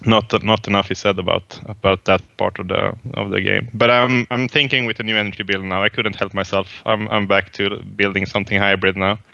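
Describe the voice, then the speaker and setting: A hesitant man with a lowish, bright, clear voice, pausing often to find his words. The sound is dry and a little dull, like a lo-fi mic. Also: little pitch movement, dry recording. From Sweden. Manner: hesitant, many ums and restarts. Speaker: podcast guest. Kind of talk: casual panel talk.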